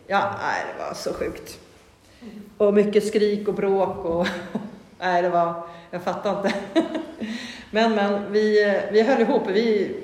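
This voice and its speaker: A woman giving a candid, earnest personal testimony, rambling with many fillers and restarts. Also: darkish tone. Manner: candid and earnest, with sudden rises in pitch. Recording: very echoey hall with long reverb.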